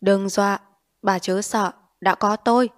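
A woman's voice: mid-range voice, steady tone, moderate pace, darkish tone, natural voice. A woman reading an audiobook, voicing a stern older male village doctor who speaks firmly. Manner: stern, firm.

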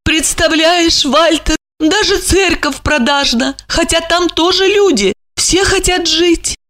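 A woman's voice: very high voice, slow pace, a bit bright, pitched above the performer's own voice, full character voice. A woman voicing a rich widowed woman who is theatrical and self-pitying, talking in an affected way with sighs and exclamations. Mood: mannered.

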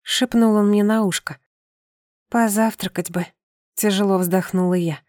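A woman reading a first-person novel aloud in a calm, measured narration. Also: medium pitch, no room sound, studio quality. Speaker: audiobook narrator.

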